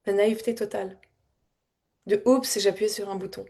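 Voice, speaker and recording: A woman speaking as a spiritual coach in a loose, unscripted flow. She circles her thoughts, repeats words as she searches for them, and laughs softly between lines. Her voice sits at a middle pitch, heartfelt and openly emotional. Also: fairly even intonation, normal speed. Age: adult with a child. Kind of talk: casual spontaneous reflective talk.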